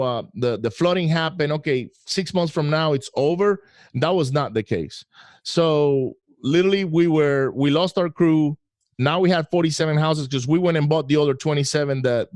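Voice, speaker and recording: A middle-aged man from Venezuela telling his story as a guest, animated and laughing now and then. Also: a little high, dry recording, studio quality. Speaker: podcast guest. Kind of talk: casual interview storytelling.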